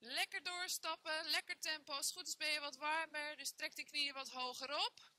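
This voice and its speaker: Her high, bright, forceful voice keeps fairly even intonation at a normal speed as a young trainer runs a workout class. She counts reps and cheers on her students while doing the exercises with them in a bare indoor room.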